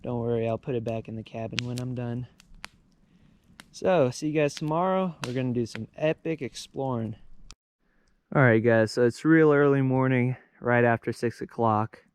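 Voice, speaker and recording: A man's voice: mid-range voice, normal speed, slight background noise. A young man talking casually to camera as he hikes outdoors on a mountain slope, explaining what he finds as he goes. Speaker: outdoor explorer and vlogger. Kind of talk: casual narration to camera while hiking.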